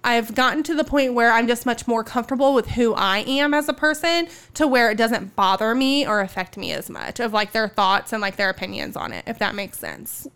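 A woman's voice: fairly high pitch, lively intonation, fairly quick, few pauses, fairly bright tone, smooth. A woman in her late twenties in a casual, reflective podcast chat, often using "like" as a filler. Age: 20s. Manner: reflective, heavy use of "like" fillers.

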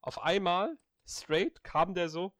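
A man chatting casually with a friend, telling an anecdote in an animated, blunt way full of slang. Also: high voice, slow, dry recording, studio quality.

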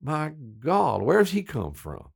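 A man voicing a mocking young local man, rough and scornful. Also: on the high side, huge pitch swings, slow, voice pushed up, full character voice. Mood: jeering.

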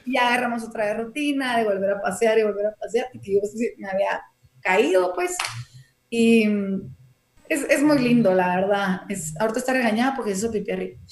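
A woman's voice: a little high, a little fast. A woman, chatting casually and acting out little scenes as she talks. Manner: chatty, animated, acts out scenes. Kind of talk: casual chat about her dog. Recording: echoey room.

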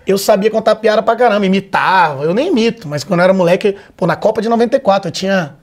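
A laid-back man from Vitória, Brazil, talks as a stand-up comedian guest in a relaxed podcast chat. His voice sits notably high, and his speech is loose, slangy and peppered with swearing. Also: quick pace. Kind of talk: casual podcast conversation.

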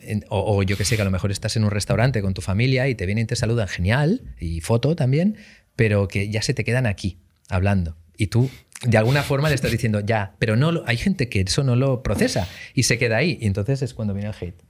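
A man talking as a guest on a casual podcast. He tells stories with lots of animation and acts out the voices of people he quotes, in a slightly low voice. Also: expressive, fast talker. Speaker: guest youtuber.

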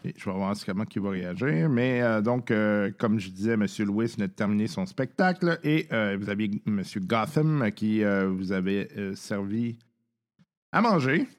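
A man's voice: fairly low pitch, normal speed, hardly any pauses. A man with a Québécois French accent, narrating a tabletop game as game master, with many "euh" fillers and frequent laughter. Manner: animated, laughs often, hesitant fillers.

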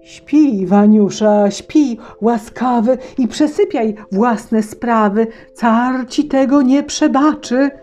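A woman's voice: mid-range voice, slow, dark tone, faint music behind, pitched above the performer's own voice, lightly acted. A woman doing a stern wise humpbacked horse. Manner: stern, instructive, rhyming verse. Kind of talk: storybook reading in verse.

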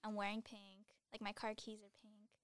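A woman's voice: medium pitch, completely flat delivery, moderate pace, a bit bright, smooth, no room sound. A young woman in her late teens, chatting as a guest in a casual interview, giggly and full of fillers.

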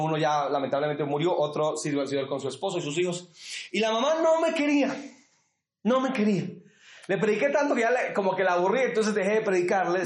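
A man in his forties preaching a sermon, shifting between fervent shouted exhortations and quieter personal storytelling. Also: sits high. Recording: echoey church room.

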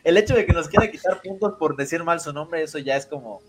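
A man's voice: fairly high pitch, fast talker. A man chatting on a livestream, hesitant and restarting his sentences. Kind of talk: casual banter on a livestream. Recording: crowd noise behind.

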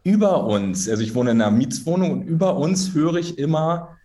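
A man in his thirties from Berlin, Germany, appears as a guest in a casual interview, chatting about his life as a drummer. His voice is fairly high and brisk, yet he tells stories at an easy pace, hedging often and laughing at himself.

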